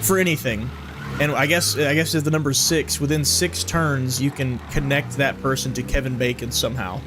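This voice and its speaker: A man's voice: medium pitch, fairly even intonation, normal speed, background noise. A young man casually commenting while streaming a game, rambling and joking. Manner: chatty, rambling, jokey. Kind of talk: casual live gameplay commentary.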